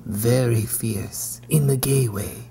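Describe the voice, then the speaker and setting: A woman voicing a hungry, boastful yet cowardly sock puppet creature in a comic puppet show, with a hushed, mock-sinister delivery. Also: fairly even intonation, slow pace, exaggerated voice. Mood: sly, sinister. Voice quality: husky, breathy, dark low voice.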